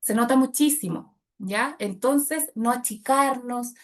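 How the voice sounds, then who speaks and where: A middle-aged woman teaching public speaking to a group of women, shifting her loudness and pace to demonstrate. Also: fairly high pitch, takes it slowly. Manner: expressive, demonstrates loud and soft delivery. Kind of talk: workshop talk to women.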